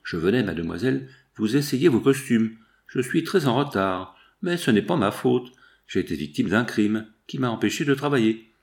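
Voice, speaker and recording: A man's voice: mid-range voice, expressive, moderate pace, natural voice. Man reading a weak young seamstress. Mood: weary. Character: young woman seamstress, pale and weakened.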